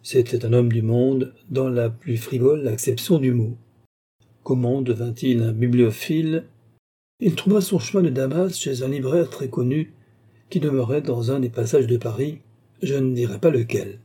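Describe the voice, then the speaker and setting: A man reading a nineteenth-century short story aloud in a measured, expressive narration. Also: medium pitch, breathy edge. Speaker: audiobook narrator. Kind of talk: scripted literary narration.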